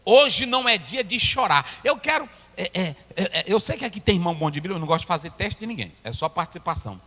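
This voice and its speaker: A man preaching a sermon as a pastor, breaking into loud shouted climaxes. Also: sits high, very animated, very fast. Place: church hall. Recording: echoey church hall, long reverb.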